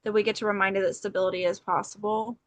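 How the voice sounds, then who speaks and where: A woman's voice: mid-range voice, flat delivery, fast talker, dry recording. A woman co-hosting an astrology podcast, talking in a bubbly, chatty way with many "like"s and "okay"s. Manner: bubbly, chatty, filler-heavy with frequent "like" and "okay". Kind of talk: casual chat.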